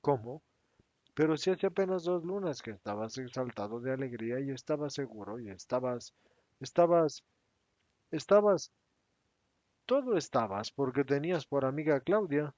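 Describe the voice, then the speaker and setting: A strict apostle who needles with irony and pounds on repeated words, as a male reader acts him out. His pitch rises and falls in a lively way. The sound is dry and a little dull. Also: a little fast, no room sound, natural voice. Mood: ironic. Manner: ironic, mocking, repetitive emphasis. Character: ironic, strict adult male apostle Bartolomé. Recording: dry, slightly dull recording.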